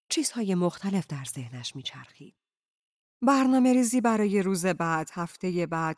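Calm, measured audiobook narrator. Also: mid-range voice, no room sound, clean studio sound. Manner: calm, measured, slipping into whispers. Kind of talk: scripted narration.

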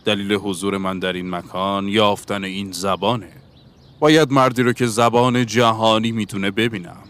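A man reads an audiobook role as an earnest, lecturing bookish Englishman in search of a universal language. His natural voice is on the low side, steady and fairly bright, clear and resonant.

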